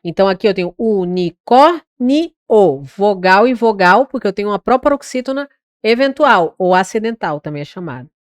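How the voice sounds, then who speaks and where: A woman with a Brazilian Portuguese accent giving an exam-prep grammar lesson. She corrects herself aloud and sounds out words slowly. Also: mid-range voice, expressive, no echo. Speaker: teacher.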